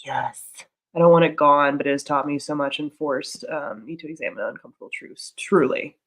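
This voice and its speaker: A woman's voice: sits low, steady tone, a little fast, a bit bright. A woman in her thirties streaming casually, rambling through chat with lots of "like"s at a desk mic. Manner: chatty and rambling, many "like"s.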